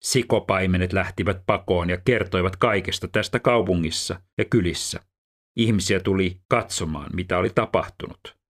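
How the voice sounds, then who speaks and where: A man reading scripture aloud in a measured, even scripted delivery. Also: sits low. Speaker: scripture reader.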